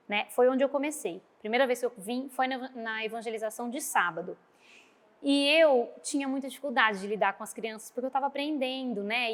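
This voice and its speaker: A woman's voice: a little high, a bit bright. A Brazilian woman, a children's religious teacher, speaking earnestly to a training course and acting out the dialogue in her stories. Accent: Brazilian Portuguese. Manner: earnest, storytelling, acts out dialogue. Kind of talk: heartfelt talk at a training course.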